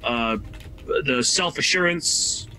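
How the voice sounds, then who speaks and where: A man's voice: mid-range voice, expressive, takes it slowly, bright, forceful tone, low-quality recording. A man co-hosting a casual livestream, talking thoughtfully and hesitantly with plenty of fillers. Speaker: co-host.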